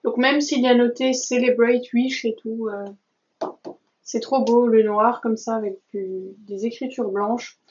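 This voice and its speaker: A woman talks casually in a vlog, her voice sitting a little high as she gushes over each item, pausing and hesitating often. The sound is muffled and lo-fi, like a simple home recording. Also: fairly even intonation, a little mellow. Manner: enthusiastic, gushing, many hesitations and asides. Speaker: vlogger showing a craft supply haul. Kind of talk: casual chatty vlog talk.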